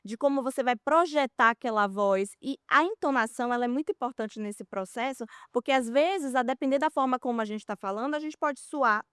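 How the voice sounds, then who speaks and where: A fairly high-pitched woman with a clear, resonant voice. She explains patiently and instructively as an expert guest, sometimes pausing on fillers. The recording is dry and close. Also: fairly bright tone, no room sound. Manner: measured, instructive, with hesitant fillers. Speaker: speech therapist guest. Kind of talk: explanatory interview answers.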